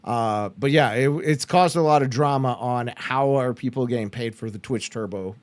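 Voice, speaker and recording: A man's voice: medium pitch, normal speed, no room sound. A man from Canada hosting a podcast, chatting casually with fillers and restarts. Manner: mocks others with put-on excited voices. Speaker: podcast host. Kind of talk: casual chat.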